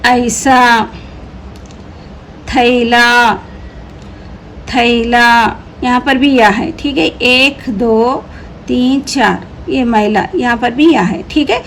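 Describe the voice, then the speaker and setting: A woman teaching an Urdu reading lesson, repeating each word slowly and patiently explaining how the letters sound. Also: fairly high pitch, a bit bright, a little hiss or hum, poor audio. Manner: slow drilled repetition of each word.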